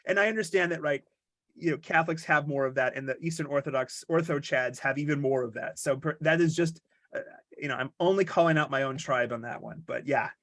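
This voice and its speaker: A man's voice: on the high side, brisk, fairly bright tone, no room sound. A man in a casual podcast conversation who talks in digressive, joking tangents and pokes fun at himself. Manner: digressive, joking, self-deprecating. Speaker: podcast co-host.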